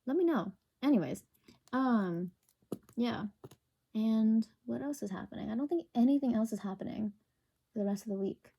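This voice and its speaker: A woman's voice: fairly high pitch, animated, moderate pace, vocal fry, long pauses, mellow, breathy edge, highs cut off. A young woman hosting a casual solo podcast into a sensitive desk microphone, rambling and self-conscious, full of fillers. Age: young adult. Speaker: podcast host.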